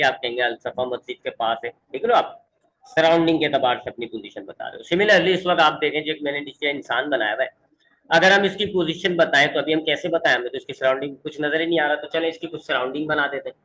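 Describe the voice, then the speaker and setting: A man teaching a physics lesson online. He speaks slowly and deliberately, repeating points and switching between English definitions and explanation. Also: fairly high pitch, pushed and bright, poor audio. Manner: mixes English definitions into Urdu-flavored explanation, repeats for emphasis. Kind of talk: online classroom lecture.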